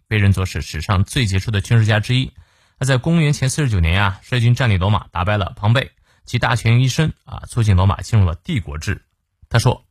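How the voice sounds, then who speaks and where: Man with a lively, low voice teaching English. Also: no echo, clean studio sound. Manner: slow, careful pronunciation of English phrases; chatty, explaining with fillers. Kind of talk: morning English lesson.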